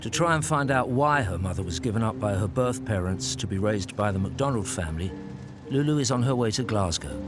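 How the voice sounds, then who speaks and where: A man reading scripted narration for a documentary in a measured storytelling style. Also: lowish voice, animated. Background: music.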